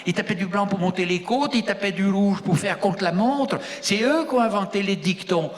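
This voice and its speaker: A man's voice: sits high, normal speed. A man with a rural French accent doing live stand-up comedy, teasing the audience with rustic banter. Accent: regional rural French. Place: live show hall. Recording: long reverb of a live hall.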